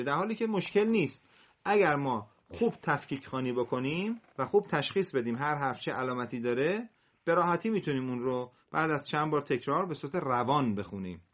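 A patient recitation teacher whose voice rises and falls a lot as it breaks each word slowly into syllables. The sound is dull and lo-fi, with muffled highs. The teacher slows way down to model each piece, then speeds back up to explain. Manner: patient, spells words out syllable by syllable. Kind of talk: recitation lesson with a student.

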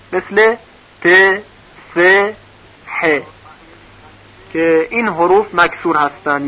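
A man teaching a recorded lesson on reading vowel marks, patiently spelling out syllables one by one. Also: sits high. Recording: dull lo-fi recording.

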